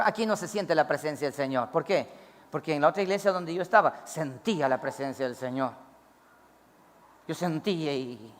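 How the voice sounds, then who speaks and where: A man preaching a sermon as pastor, emphatic, swinging between loud calls to the congregation and low asides. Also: in a large hall. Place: church.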